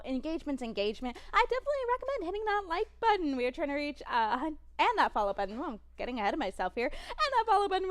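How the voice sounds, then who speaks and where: Cute, high-voiced American woman livestreamer. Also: no room sound. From Texas, United States. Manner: speaks loudly to project. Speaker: VTuber livestreamer. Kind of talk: casual livestream chat with viewers.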